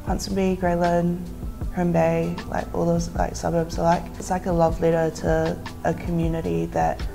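A woman's voice: lowish voice, completely flat delivery, moderate pace, vocal fry. A young woman from South Auckland, a producer speaking earnestly in a casual interview, with plenty of "like". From South Auckland, New Zealand. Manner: earnest, heavy use of "like". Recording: music bed underneath.

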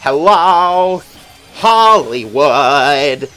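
A man putting on a flamboyant, showy young man's voice with a loud, drawn-out, gushing delivery. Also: fairly high pitch, lively intonation, faint music behind, full character voice, poor audio.

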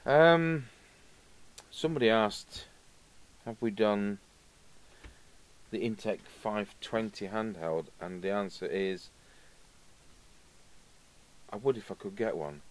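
A middle-aged man hosts a radio repair video, filmed from an overhead camera at an indoor workbench. His lowish, sing-song voice moves slowly with frequent pauses as he casually comments on the hands-on work and muses aloud to himself.

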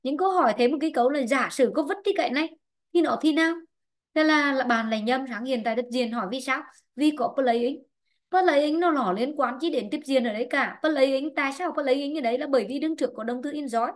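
A fast-talking English teacher with a higher voice runs an online class, questioning students and explaining grammar rules. She is patient, quizzing and prompting her students by name.

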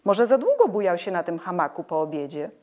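A woman voicing a lively, teasing young sister in a storybook reading, exclaiming excitedly. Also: lowish voice, brisk. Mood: alarmed.

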